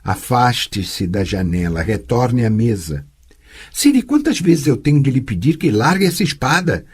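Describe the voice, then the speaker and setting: A man voicing a patient, teasing sorceress who tutors a girl, speaking calmly and gently chiding in an audiobook. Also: mid-range voice, normal speed, slightly rough. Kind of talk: audiobook character voice.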